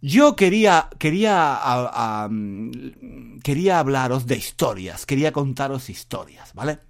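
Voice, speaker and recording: A middle-aged man with a Spain Spanish accent, a Spanish teacher hosting a podcast, who talks fast, rambles and makes fun of himself in a lively, jokey way. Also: medium pitch, creaky. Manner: rambling and self-mocking, fast talking. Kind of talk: casual podcast monologue for learners.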